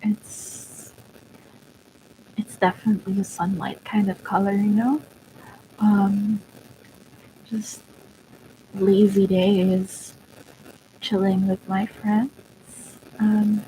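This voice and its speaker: A young woman streaming live, talking in a soft, reflective and sentimental way, with pauses and small laughs. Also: medium pitch, slight background noise, poor audio. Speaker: virtual streamer. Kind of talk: casual live-stream chat.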